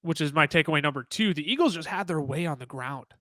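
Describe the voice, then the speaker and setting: A man co-hosting a sports podcast, talking excitedly in casual chat with many restarts. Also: a little high, quick pace, no echo. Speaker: podcast co-host.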